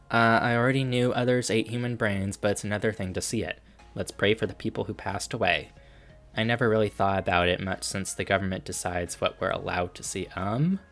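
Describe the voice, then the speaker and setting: A man casually commenting while playing a video game, reading out menus and skills. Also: deep voice. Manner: relaxed, reads out game menus with filler ums. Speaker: gaming streamer. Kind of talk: casual let's-play commentary.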